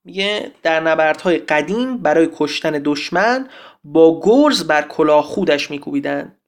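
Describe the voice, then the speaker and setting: A teacher giving a lesson from a textbook, reciting verse slowly and chanting its meter syllable by syllable, then explaining words patiently. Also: mid-range voice, animated.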